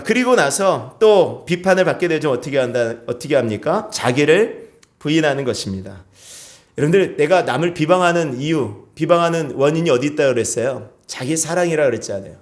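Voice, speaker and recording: Korean pastor preaching, questioning the flock. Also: male voice, fairly high pitch. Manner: asks the congregation questions and calls for amens. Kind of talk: sermon. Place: church sanctuary.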